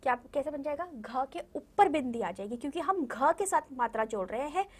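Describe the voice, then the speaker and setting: A woman's voice: high voice, lively intonation, fairly quick. A woman teaching a Hindi lesson to young children, patiently repeating words and sounds and asking the class questions. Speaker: primary school Hindi teacher.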